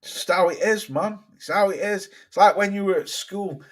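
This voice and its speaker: A man's voice: high voice, normal speed. A man hosting a casual boxing livestream, reading viewer comments aloud and swearing freely as he chats. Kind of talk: casual live-chat commentary.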